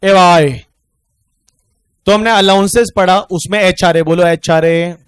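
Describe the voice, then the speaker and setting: High-pitched Indian man teaching a tax class. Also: fairly even intonation, smooth, dry recording. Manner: chatty and joking, then dictates questions slowly. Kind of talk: casual online class lecture.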